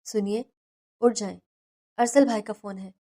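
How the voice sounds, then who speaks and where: A woman voicing a lonely, tender young wife who pleads softly with her brother in a storybook reading. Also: medium pitch, steady tone, close to an everyday voice. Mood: plaintive.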